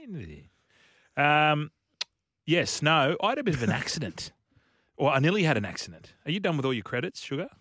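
A man's voice: a little high, very animated, fairly quick, fairly bright tone, no echo, clean studio sound. A man with a broad Australian accent doing casual radio banter as a co-host, teasing and slangy in a blokey way.

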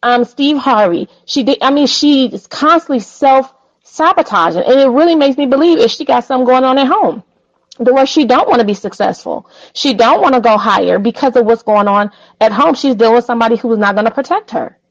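High-voiced woman calling in by phone. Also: no room sound. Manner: blunt, opinionated, quick. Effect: over a phone-quality call. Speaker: caller. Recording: dry, dull call audio.

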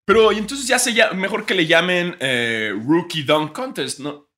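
A man's voice: high-pitched, moderate pace, bright, forceful tone. A young man with a Mexican accent co-hosting a casual sports podcast, joking crudely and swearing freely while recording remotely from home. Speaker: podcast co-host.

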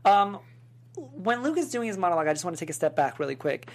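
A woman's voice: lowish voice, big pitch swings, fast talker. A woman co-hosting a podcast, chatting casually and leading the discussion with questions. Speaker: podcast co-host. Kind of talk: casual chat.

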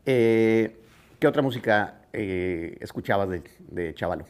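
A Mexican man hosting a casual interview, relaxed and hesitant with many fillers. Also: lowish voice, a little slow. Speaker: interviewer host.

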